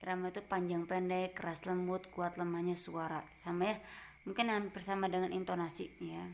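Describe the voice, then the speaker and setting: Female teacher, gentle step-by-step explainer; lower pitch, flat delivery. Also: fairly quick, vocal fry, slight background noise. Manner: gentle, explains in short phrases with frequent tag questions. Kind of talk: online class lesson.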